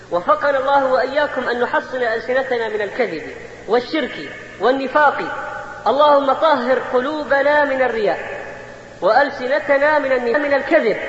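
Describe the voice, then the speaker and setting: High-voiced preacher in an echoing hall. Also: male voice, a bit bright. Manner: addresses the congregation directly, drawing out words for emphasis. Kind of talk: Friday sermon. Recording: echoey hall, muffled lo-fi sound.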